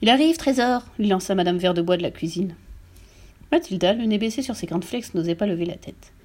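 A woman narrating a children's audiobook in a lively, expressive way. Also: on the low side, fairly quick.

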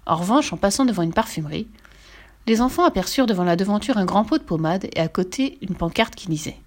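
A woman reads a children's story aloud with a lively, expressive delivery. Her pitch sits in an ordinary middle range. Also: fast talker. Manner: expressive, lively reading with sound effects. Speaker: narrator.

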